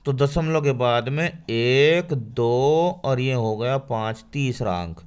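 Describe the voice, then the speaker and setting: A man's voice: medium pitch, slow, clear, resonant tone, muffled recording. A man teaching a school maths lesson to children. He asks questions and answers them himself. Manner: addresses children directly.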